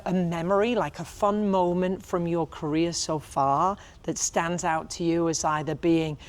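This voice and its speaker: A woman's voice: fairly low pitch, steady tone, moderate pace. A woman conducting a casual promotional interview in a chatty, encouraging way.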